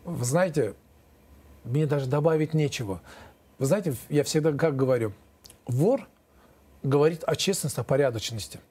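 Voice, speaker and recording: A man in his fifties, a lawyer being interviewed, answering in a halting, repetitive, defensive way. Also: a little high, expressive, dark tone, breathy edge. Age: 50s. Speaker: lawyer, guest.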